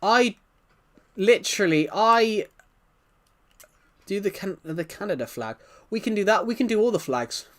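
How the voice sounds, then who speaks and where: Hosting a laid-back gaming stream, this man speaks in a high-pitched voice with lively intonation, a measured pace and long pauses. His replies to viewer comments ramble and stutter.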